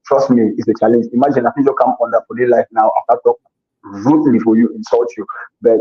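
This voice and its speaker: Fast-talking and husky, this man has a mid-range voice with fairly even intonation. He is an earnest interview guest in a casual conversation, repeating himself as he hunts for words, heard through a dull lo-fi recording.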